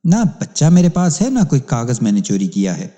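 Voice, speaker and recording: Man playing a haughty blustering landowner, dark raised voice, long hall reverb. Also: medium pitch, very animated, lightly acted. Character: arrogant proud landowner man, middle-aged.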